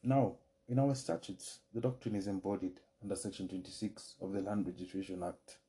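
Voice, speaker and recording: A Kenyan man hosting a solo podcast, explaining legal doctrine in a measured, formal lecturing way. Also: low voice, fairly even intonation, warm tone. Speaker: lawyer and podcast host.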